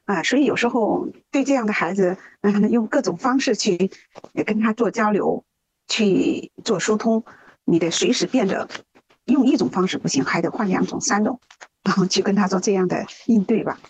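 A woman's voice: medium pitch, moderate pace, a little mellow, breathy edge, poor audio. A woman volunteer guest in a podcast interview, telling a case story earnestly with hesitant fillers.

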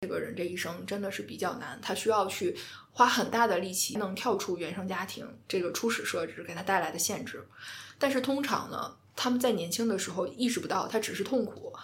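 A woman, co-hosting a casual podcast chat. She explains in a calm, steady voice, like a counselor walking through a case. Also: mid-range voice, brisk. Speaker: astrology co-host and counselor.

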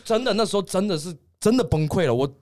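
A man's voice: sits high, animated, background noise. A young man, a guest teacher on a podcast, earnestly recounting his experience in casual chat. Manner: earnest, emphatic, quick recounting.

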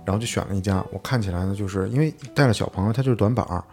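A man, co-hosting a podcast and telling a story in lively casual chat, acting out an argument. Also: fairly low pitch, rapid-fire, soft background music. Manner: animated storytelling, acting out an argument with restaurant staff. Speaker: podcast co-host.

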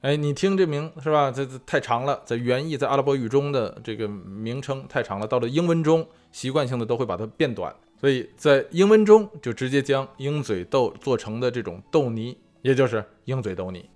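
Male food-show host, animated pitch, chatty explainer full of asides. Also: fairly quick, few pauses, faint music behind. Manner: chatty, many fillers and rhetorical asides. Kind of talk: casual explainer monologue. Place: lives in California.

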